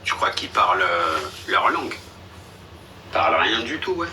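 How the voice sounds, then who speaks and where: A man's voice: deep voice, big pitch swings, unhurried. A young man chatting casually on a live stream, blunt and slangy, with a dismissive streak. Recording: a bit distant with faint background noise.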